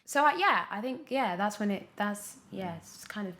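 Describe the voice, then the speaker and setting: A young British woman, an actor appearing as a podcast guest, speaks at a medium pitch and normal speed with slight background noise. She tells anecdotes in a chatty, giggly, animated way during the interview, often acting out and quoting what was said.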